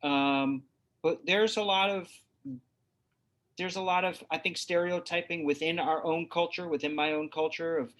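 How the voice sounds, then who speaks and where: A man's voice: fairly high pitch, fairly even intonation, normal speed, fairly bright tone. A man from New Hampshire speaking as an interview guest, searching for his words with frequent restarts. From New Hampshire, USA. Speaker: guest, father. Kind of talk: reflective interview talk.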